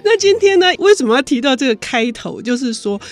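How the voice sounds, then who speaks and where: A woman hosting a radio book show, asking her guest leading questions in a lively on-air manner. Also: high-pitched, a little fast, faint music behind.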